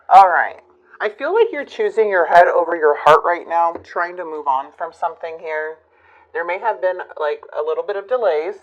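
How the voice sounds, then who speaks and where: A woman reading tarot cards for her channel, talking reflectively with many fillers and pauses. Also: sits low, lo-fi sound. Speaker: tarot reader.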